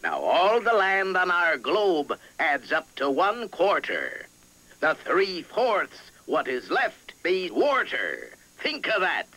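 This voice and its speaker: An actor playing a gruff, jovial old duck sea captain, narrating grandly in salty sailor dialect for a cartoon. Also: male voice, high voice, huge pitch swings, slow, pushed and bright, full character voice. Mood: instructive. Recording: music behind, 1960s television soundtrack.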